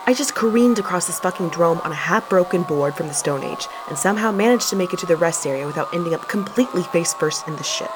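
A young woman talks fast with few pauses in a natural, expressive, lowish voice, narrating a first-person audio drama. She plays a sardonic, profane heroine, often panicky, caught in a dangerous stunt of her own making, and background noise is audible.

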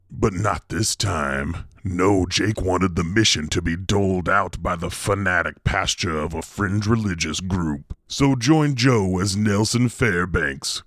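A man voicing a grimy, boastful male pirate radio DJ who calls himself the king of mess, talking in a slow, folksy drawl. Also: on the low side, a bit bright, dry recording, clean studio sound. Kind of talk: actual-play radio show bit.

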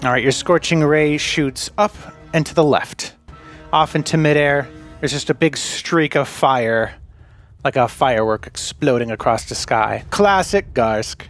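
Male game master, brisk and playful, faint music under him. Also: medium pitch, a bit bright. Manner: quick, laughing, playful narration. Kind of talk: narrating a tabletop game.

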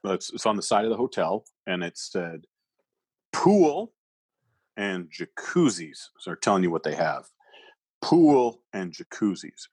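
Husky-voiced male comic from Canada, animated storyteller, dry close sound. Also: deep voice, a little fast, hardly any pauses, no echo. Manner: animated, laughs through his own story. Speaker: comedian guest. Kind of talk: casual storytelling.

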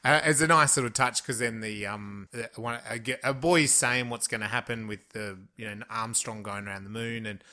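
A man's voice: mid-range voice, normal speed, few pauses, pushed and bright. A man with an Australian accent co-hosting a casual film discussion, chatty, laughing often and trailing off mid-sentence. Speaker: podcast co-host.

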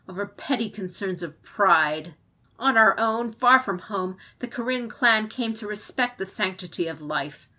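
A woman reads an audiobook part for a female advisor who is indignant and passionate, her volume climbing as the argument builds. She has a mid-range voice.

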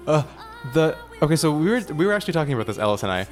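A man's voice: fairly high pitch, sing-song, very fast, over music. Blunt, opinionated man ranting casually. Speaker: podcast co-host. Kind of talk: casual chat.

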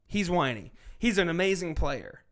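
A man co-hosting a sports podcast in casual chat, animated and profane, swinging between loud bursts and low asides. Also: moderate pace. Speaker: podcast co-host.

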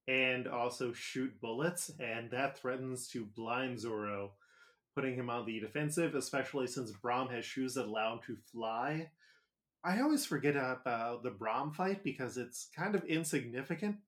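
A man's voice: medium pitch, measured pace, fairly bright tone. A man co-hosting a podcast, recapping episodes in a casual, joking way with plenty of filler words. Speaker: podcast co-host.

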